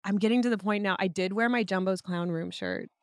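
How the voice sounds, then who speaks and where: Raspy-voiced woman with a cold. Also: medium pitch, a little fast, dry recording, studio quality. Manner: reflective, chatty, with many fillers. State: hoarse from a cold. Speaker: podcast co-host. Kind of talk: casual chat.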